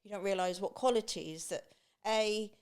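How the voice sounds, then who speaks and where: A middle-aged woman from Great Yarmouth, England, with an East Anglian accent, chats as a podcast guest about running a beach hut business. Her voice is smooth and medium-pitched at normal speed as she tells personal stories, acting out remembered remarks.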